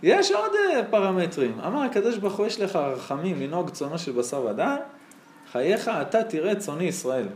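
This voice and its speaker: A man's voice: fairly high pitch, lively intonation, a little mellow, a little hiss or hum. A man, a rabbi, preaching a sermon and telling stories, his voice rising and dropping sharply. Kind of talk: sermon with storytelling. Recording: roomy echo.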